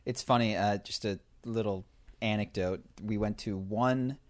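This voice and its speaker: A man's voice: fairly low pitch, unhurried. A young man co-hosting an advice podcast, telling stories in casual chat and laughing often. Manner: laughs often, animated storytelling. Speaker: podcast co-host.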